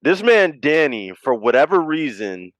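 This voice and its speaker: A man co-hosting a podcast in casual chat, an animated storyteller who swears freely. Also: fairly high pitch, unhurried, dry recording. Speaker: podcast co-host.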